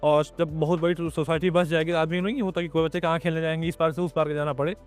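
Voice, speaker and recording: A man with a Lucknow accent pitches plots outdoors as the developer's representative, laying out amenities and loan terms in plain talk. His voice is a touch high. Light music plays faintly behind him. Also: little pitch movement, quick pace, clean tone. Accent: Lucknow Hindi. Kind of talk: answering interview questions on site. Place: outdoors at a plot site.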